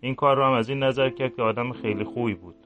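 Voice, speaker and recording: A man reading aloud the inner confession of a guilt-ridden village priest, in a low, subdued murmur. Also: fairly even intonation, fairly bright tone, soft background music, natural voice. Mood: remorseful.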